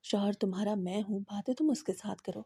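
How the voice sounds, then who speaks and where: A woman's voice: mid-range voice, warm tone, breathy edge. A woman voicing a bitter, guilt-ridden husband who speaks harshly and makes threats.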